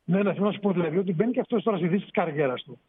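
A man, a sports reporter phoning in to a radio show, explaining in an animated way. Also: sits high, a crowd in the background. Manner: explanatory, animated, rising emphasis. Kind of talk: sports radio phone-in analysis. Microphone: phone. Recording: tinny phone line on radio.

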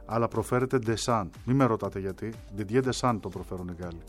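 A man's voice: on the low side, soft background music. A man co-hosting a sports talk show who explains things patiently and insists on getting them right. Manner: explanatory, insistent on correct pronunciation.

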